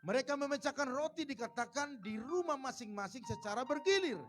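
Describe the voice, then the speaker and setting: High-voiced man preaching with lively humor. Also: fairly quick, faint music behind. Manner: lively, joking, acts out little scenes. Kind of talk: sermon. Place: church service.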